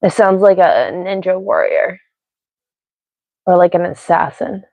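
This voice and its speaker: A woman's voice: lowish voice, unhurried, creaky, no echo. Giggly American woman chatting live. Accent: mixed Pennsylvania and Ohio. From United States. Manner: rambling, giggly, off on tangents. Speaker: livestream host. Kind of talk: casual live-stream chat. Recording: dry, slightly dull sound.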